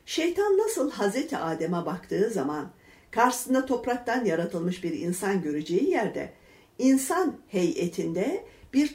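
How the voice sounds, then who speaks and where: A woman reading a religious story aloud in a measured, expressive way, voicing the lines of its characters. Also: mid-range voice. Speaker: reader. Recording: echoey room.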